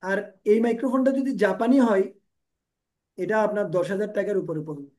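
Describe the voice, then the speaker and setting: A man giving a devotional class into a microphone, explaining with everyday examples and rhetorical questions, his throat strained from talking loudly. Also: sits high, animated, brisk. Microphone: handheld microphone.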